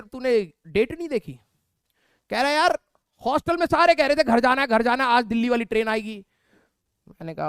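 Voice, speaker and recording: A man's voice: very high voice, a bit bright, clear, resonant tone, dry recording, clean studio sound. A young man, a physics teacher, casually telling a class a funny story and often adding "theek hai". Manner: chatty, keeps tagging lines with "theek hai"; laughs at his own story. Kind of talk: casual anecdote told to a class.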